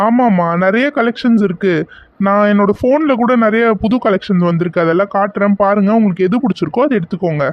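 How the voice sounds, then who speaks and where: A man voicing a calm, matter-of-fact young man in a cartoon serial. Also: high voice, fast, lightly acted. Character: young man, shopkeeper and police officer. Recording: dull lo-fi with music.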